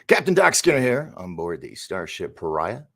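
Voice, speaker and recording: Low-pitched and husky, this man in his fifties from San Francisco hosts a live stream, sounding very animated at a normal speed. He rambles chattily while reading viewer comments and stumbles over words. He is recovering from an injury.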